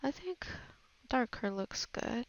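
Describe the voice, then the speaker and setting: A digital artist narrates a casual voice-over tutorial on her art, musing hesitantly as though half talking to herself. Her voice is on the high side and animated, though she speaks slowly.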